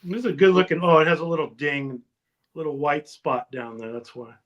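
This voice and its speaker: A man in casual round-table chat, halting and often trailing off mid-thought. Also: fairly high pitch, a bit bright, muffled recording.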